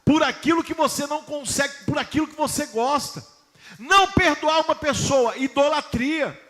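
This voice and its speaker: Man, very high voice, pastor, emphatic sermon, questions to the congregation. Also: fairly bright tone. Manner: reads scripture slowly.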